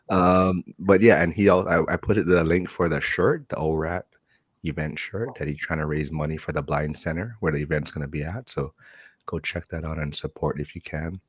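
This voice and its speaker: A man's voice: extremely low pitch, normal speed, husky, dry recording. A man hosting a livestream in casual, conversational style. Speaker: livestream host.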